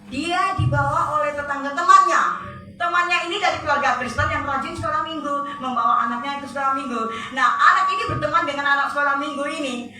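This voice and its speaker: A woman's voice: high voice, bright, forceful tone. Woman, preacher, storytelling sermon, talks straight to the congregation, echoey hall, distant mic, faint music behind. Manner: storytelling, often addressing listeners as brothers and sisters.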